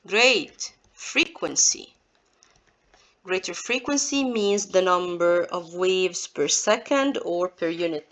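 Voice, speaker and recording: A woman's voice: lowish voice, fairly bright tone. A woman teaching science, walking through exam answers step by step and asking her students rhetorical questions. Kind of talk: exam walkthrough lesson.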